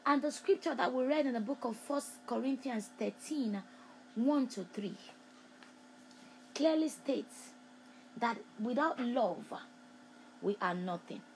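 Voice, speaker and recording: Woman preacher, fairly high voice, repetitive emphatic prophetic delivery, faint room noise behind. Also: lively intonation, slow pace, pauses often, poor audio. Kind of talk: prophetic sermon.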